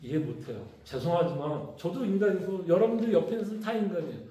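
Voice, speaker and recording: A man's voice: high-pitched, expressive, fast talker, mellow. A man, a pastor, leading a Bible study in a conversational way and often asking his congregation questions. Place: church hall. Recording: echoey church room.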